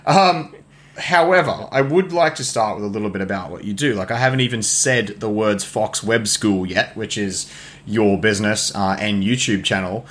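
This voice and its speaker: A man with a fairly low voice hosts a podcast interview. He speaks in an easygoing, chatty manner as he steers the talk. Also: normal speed, a bit bright. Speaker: podcast host. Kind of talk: casual interview.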